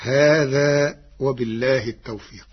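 A man presenting a lesson on recitation variants in a measured way, chanting the quoted verses more loudly than his explanations. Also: medium pitch, fairly even intonation, slightly rough. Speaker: presenter of a Quran reading lesson. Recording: dull lo-fi recording.

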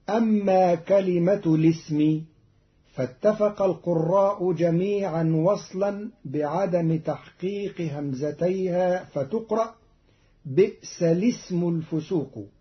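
Man explaining recitation variants, lo-fi. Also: high-pitched. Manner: measured, explains then slowly recites verses in melodic tones. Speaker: Quran recitation teacher. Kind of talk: scripted explanatory narration. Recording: dull lo-fi recording.

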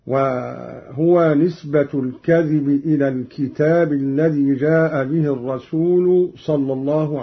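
A man giving a measured, deliberate lesson on Quran reading, chanting the verses he quotes. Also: on the high side, husky. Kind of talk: slow explanatory lesson with recited verses. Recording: dull lo-fi recording.

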